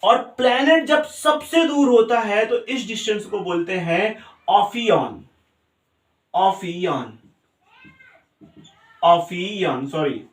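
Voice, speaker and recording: A man's voice: very high-pitched, unhurried, hardly any pauses. A man teaching a physics lesson, repeating each point and quizzing his students. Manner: mixes Hindi with English terms. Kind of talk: classroom lecture. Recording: roomy sound, mic set far off.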